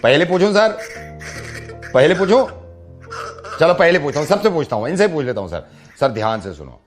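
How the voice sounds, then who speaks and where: A man's voice: fairly high pitch, sing-song, moderate pace, faint music behind. A man hosting a radio prank call, telling jokes and riddles in a chatty, teasing way. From based in Delhi. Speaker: radio host making prank calls. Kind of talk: playful prank call banter. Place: radio studio.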